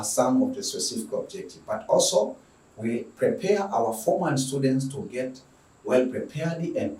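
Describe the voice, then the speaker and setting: A man's voice: medium pitch, darkish tone, distant mic. A man from Tanzania giving a spoken introduction to his online school lessons, often restarting and repeating words as he goes. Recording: roomy sound, voice away from the mic.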